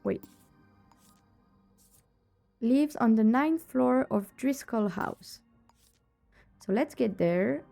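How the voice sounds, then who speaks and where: A woman with a cold, her voice lowered, streams a detective game and chats casually in a live-stream, laughing often as she plays. Her voice is fairly high, gravelly and warm.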